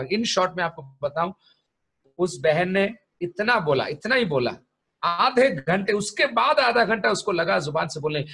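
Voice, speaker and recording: A man's voice: fairly high pitch, a bit bright. A man, a pastor teaching a sermon and telling stories, mixing English terms into his speech. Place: church.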